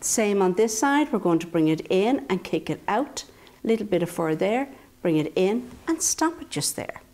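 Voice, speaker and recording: A woman with a medium-pitched voice leads a drawing lesson for young children. She addresses them directly and playfully, encouraging them through simple step-by-step instructions. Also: sing-song, moderate pace, a little mellow.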